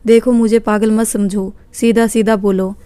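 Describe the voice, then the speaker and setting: Give me a stern but caring young man in an audio story, smooth and dry, read by a woman. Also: medium pitch, level tone, moderate pace, warm tone, no room sound, lightly acted. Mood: angry.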